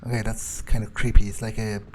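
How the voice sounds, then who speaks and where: Over a noisy background, a man with a fairly low voice speaks fairly quickly with little pitch movement. He's improvising in-character commentary on a video game playthrough, musing aloud in a sardonic, understated, casually profane way.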